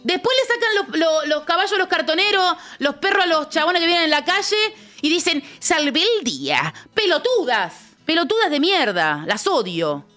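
In a radio studio, an Argentine woman co-hosting the show tells a story in a vulgar, furious, casual rant, her Rioplatense Spanish accent clear. Her very high voice is animated, pushed and bright at a normal speed, and faint music plays behind her.

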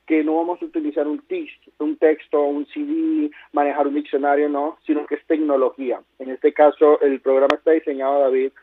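A man, director of a language school, pitching his courses over the phone and checking in with "¿sí?" as he talks. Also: level tone, brisk, few pauses, husky, dry recording. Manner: salesy pitch, peppered with "¿sí?" checks. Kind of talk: promotional phone interview. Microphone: telephone. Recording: tinny dry phone line.

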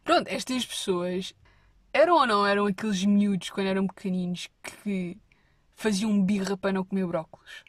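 A woman's voice: mid-range voice, moderate pace, dry recording. A woman with a European Portuguese accent, telling a rambling comic story to her viewers, with whispered asides. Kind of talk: casual comic monologue.

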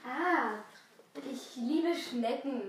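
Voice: sits high, extremely slow. A female co-host of a laughing challenge in casual chat, mock-exasperated and often repeating phrases. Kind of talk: casual joking reaction chat. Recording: noisy echoey room.

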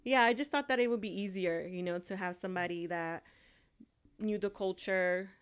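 A woman's voice: medium pitch, normal speed, clean tone. A young woman from Honduras in casual chat, talking hesitantly with many fillers. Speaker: co-host.

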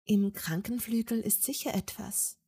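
A woman voicing a clever young witch, speaking matter-of-factly and a little quietly, close to her own voice. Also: fairly high pitch, lively intonation, moderate pace, slightly rough. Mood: firm.

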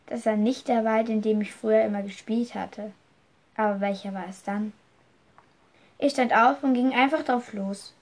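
Slow, measured woman reading a story. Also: medium pitch, darkish tone. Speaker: audiobook reader. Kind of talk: scripted first-person story narration.

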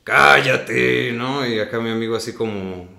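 A young man with a Mexican accent and a medium-pitched voice recounts his acting story in a casual interview, speaking at a moderate pace in an echoey room. He tells it with animation and keeps ending phrases with "¿no?".

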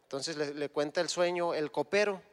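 A man's voice: a little high, moderate pace, clear, resonant tone, long reverb tail. A man giving a conversational sermon, retelling scripture and acting out imagined dialogue. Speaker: guest preacher.

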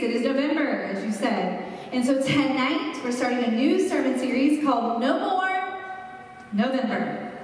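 A woman's voice: medium pitch, darkish tone, a little hiss or hum. A woman in her forties, a pastor, introducing a new sermon series in a conversational, storytelling way with emphatic repeats. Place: church sanctuary. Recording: echoey hall, voice from far off.

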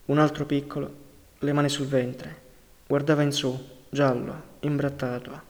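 A man reading a novel aloud in a measured, grave narration. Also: mid-range voice, darkish tone, big-room sound. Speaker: audiobook reader.

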